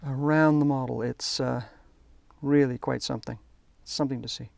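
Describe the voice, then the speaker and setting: A man's voice: mid-range voice, steady tone, normal speed, vocal fry, a little mellow, dry recording. A man demonstrating a hands-on hobby technique, chatty and enthusiastic as he narrates while working. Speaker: hobby instructor. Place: workshop.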